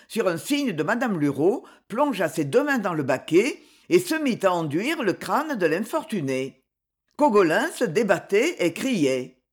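An expressive audiobook narrator reads an old adventure novel with theatrical flair. The voice rises and falls in a lively, animated way, mid-pitched. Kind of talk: scripted narration of a historical novel.

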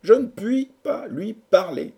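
A man voicing a lovesick, theatrical young gentleman in a storybook reading, pleading and declaiming in a raised voice. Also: high voice, sing-song, slow pace, voice pushed up, exaggerated voice. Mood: lovelorn.

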